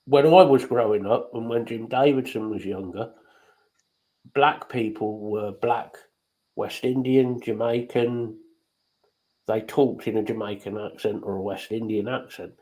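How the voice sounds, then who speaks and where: A man's voice: on the low side, steady tone, unhurried, dark tone, poor audio. A man hosting a casual chat, talking bluntly and swearing freely. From England.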